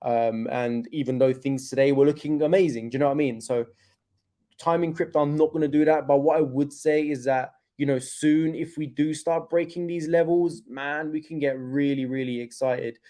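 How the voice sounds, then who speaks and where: A young man hosting a crypto livestream, chatting casually, loose with slang, slowed by pain from his hip. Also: on the high side, fairly even intonation, mellow. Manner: chatty, laid-back, loose with slang and fillers.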